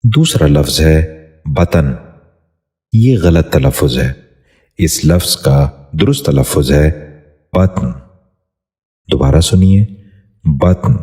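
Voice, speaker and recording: Male voice, very low, formal scripted lesson host, careful and polite. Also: lively intonation, dark tone. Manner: formal, courteous, slow repetition of each word. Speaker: Urdu pronunciation teacher.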